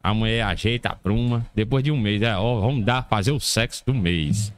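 A middle-aged Bahian Brazilian man chatting casually in a slow, dragged-out drawl, sounding lazy and tired after drinking. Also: fairly low pitch. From interior Bahia, Brazil. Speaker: interview guest, musician. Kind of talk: casual joking chat.

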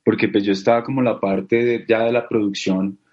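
A man's voice: lowish voice, flat delivery, moderate pace, dull audio. A man with a Bogotá Colombian accent, speaking as an interview guest in a casual, hesitant way with many fillers. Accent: Bogotá Colombian Spanish. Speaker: guest, company co-founder.

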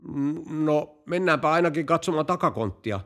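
A man's voice: on the high side, expressive, fairly bright tone, pitched above the performer's own voice. A man voicing a cautious, puzzled male police chief in a told joke, who speaks hesitantly. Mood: wary.

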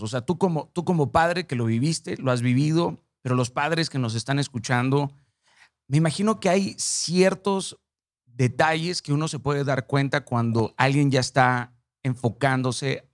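A man's voice: medium pitch, dry recording, studio quality. A man with a Mexican accent hosting an interview, asking casual questions with slang. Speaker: podcast host.

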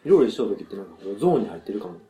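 A man's voice: fairly low pitch, big pitch swings, rapid-fire, dark tone. A man with a Kansai Japanese accent chatting casually in blunt, teasing, tipsy drunken banter. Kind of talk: casual chat. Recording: echoey room with music. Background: music.

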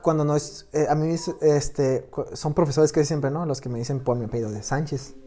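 A man's voice: fairly high pitch, fairly even intonation, fairly quick, dark tone. Laid-back Mexican man on a podcast. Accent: Mexican Spanish. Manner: laid-back, slangy, hesitant. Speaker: podcast co-host. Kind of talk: casual chat.

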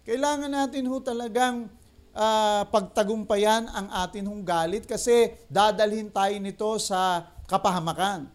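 A man with a Filipino accent preaching a livestream sermon in a mix of languages, slowing down to repeat key lines for emphasis. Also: high-pitched, steady tone. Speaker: pastor.

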